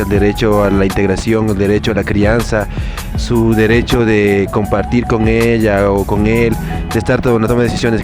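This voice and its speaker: Male street interviewer, formal questions, music loud behind. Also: on the low side. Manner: formal questioning, some stumbles.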